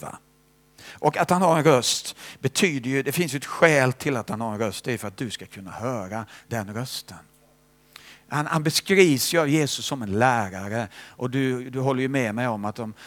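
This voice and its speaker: A man's voice: mid-range voice, vocal fry, fairly bright tone. A man preaching a sermon as a missionary, talking to the congregation in a conversational way and checking in with frequent tag questions.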